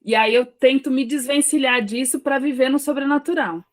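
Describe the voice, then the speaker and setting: On a panel about faith, a Brazilian Portuguese-accented woman chats informally at an ordinary speed. Her fairly high voice meanders, and she stumbles through restarts while questioning what she believes.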